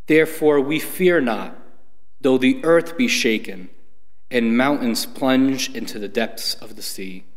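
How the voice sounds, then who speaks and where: Middle aged guy reading bible at mass, formal and deliberate, long church echo. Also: mid-range voice. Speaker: lay reader at Mass. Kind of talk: reading scripture and responsorial psalm aloud. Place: church sanctuary, standing at lectern. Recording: echoing church with long reverb.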